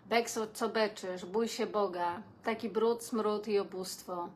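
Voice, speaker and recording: A woman's voice: mid-range voice, steady tone, unhurried, slight background noise. Chatty woman reading viewer comments. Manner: chatty, addresses viewers warmly as "kochani", reacts with laughter and sighs. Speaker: live stream host reading viewer comments. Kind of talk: casual live chat.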